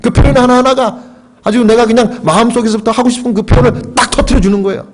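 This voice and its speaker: A man's voice: extremely high pitch, fairly even intonation, quick pace. A middle-aged man, a pastor, preaching a sermon in a church, emphatic and acting out fervent prayers. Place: church sanctuary.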